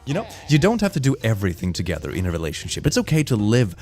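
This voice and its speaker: Homme enjoué qui commente des bandes dessinées. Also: male voice, on the low side, wildly swooping pitch, rapid-fire, over music. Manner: bubbly, playful, breaks into laughter. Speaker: host. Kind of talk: reacting to and reading comics aloud.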